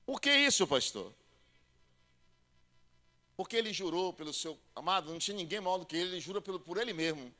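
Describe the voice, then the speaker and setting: Emphatic Bahian pastor preaching. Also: male voice, rapid-fire, few pauses, fairly bright tone. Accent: Brazilian Portuguese, Bahian. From Bahia, Brazil. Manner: emphatic, calls listeners "querido" and "irmão", acts out doubters in a high voice. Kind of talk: sermon.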